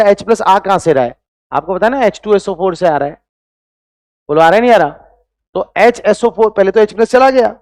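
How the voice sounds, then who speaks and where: A man's voice: sits high, clean tone, no echo. A man teaching chemistry in an online class, constantly quizzing students with rhetorical questions and mixing in English phrases, with scolding, motivational asides. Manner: mixes Hindi with English phrases.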